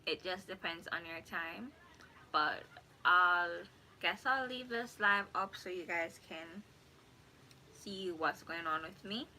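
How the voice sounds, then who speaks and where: A woman's voice: lowish voice, takes it slowly, slight background noise, low-quality recording. A young woman from Jamaica chatting casually and rambling on her first live stream from home, correcting herself as she goes. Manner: rambling, relaxed, self-correcting. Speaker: YouTuber. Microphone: phone. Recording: faint background ambience.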